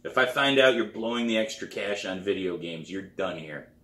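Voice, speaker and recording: A man's voice: on the low side, expressive, normal speed, fairly bright tone, echoey room. A man voicing a stern, no-nonsense male drum teacher who talks bluntly and firmly. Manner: blunt, firm, demanding.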